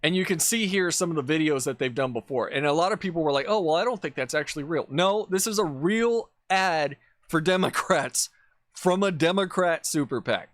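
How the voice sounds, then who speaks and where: Man commentator, slightly high voice, dry close mic, blunt profane ranting over clips. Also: lively intonation, moderate pace, fairly bright tone, no room sound. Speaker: political commentator.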